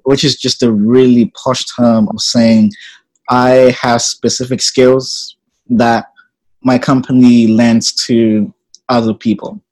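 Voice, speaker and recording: This podcast guest, a young man born in Ghana and raised in England, speaks slowly in a medium-pitched voice on a rough recording. The conversation is casual and chatty, and he laughs readily and fills gaps with plenty of ums.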